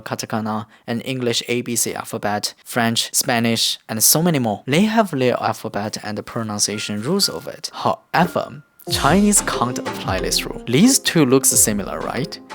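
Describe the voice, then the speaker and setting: A lively young man whose first language is Korean teaches in an explanatory video lesson. He works as a language teacher, speaking at medium pitch and walking through each point step by step.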